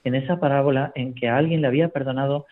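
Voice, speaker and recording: Priest, radio guest by phone line, mid-pitched, storytelling, leans on "¿no?". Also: male voice, steady tone, quick pace. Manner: storytelling, constant tag question "¿no?". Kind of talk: reflective spiritual talk on radio.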